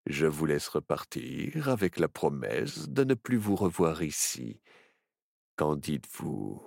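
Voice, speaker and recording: A man reading as a gloating storybook ringmaster who threatens children in a slow, taunting drawl. His pitch swoops widely, and the dry, close recording keeps every sneer near. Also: big pitch swings, creaky, a little mellow, dry recording, full character voice. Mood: threatening. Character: menacing adult male circus ringmaster, scheming.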